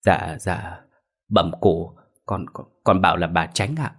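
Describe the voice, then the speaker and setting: A man's voice: low voice, unhurried, a bit bright, slightly rough, exaggerated voice. A man playing a frightened young male servant who stammers and speaks deferentially, in a spoken ghost story. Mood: fearful.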